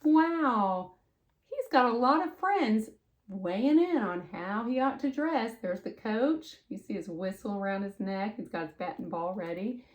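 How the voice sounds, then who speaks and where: An older woman, a sweet grandmotherly lady, reading a picture book aloud to children with affectionate, folksy, exclaiming asides. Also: medium pitch. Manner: exclaiming and expressive. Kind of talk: read-aloud storytelling with chatty asides.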